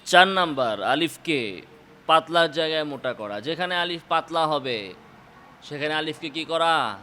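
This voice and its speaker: A man with a Bangladeshi Bengali accent teaching Quran pronunciation, explaining in quick bursts and then chanting the example words slowly and drawn out. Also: fairly high pitch, lively intonation, pushed and bright, a little hiss or hum.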